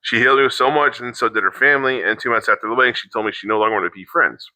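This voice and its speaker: A man's voice: medium pitch, pushed and bright, no room sound, rough recording. A middle-aged man reading an online post aloud in casual chat, stopping often to restart and dropping swear words into his asides. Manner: halting, restarts mid-sentence, swears in asides. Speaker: co-host reacting to online posts.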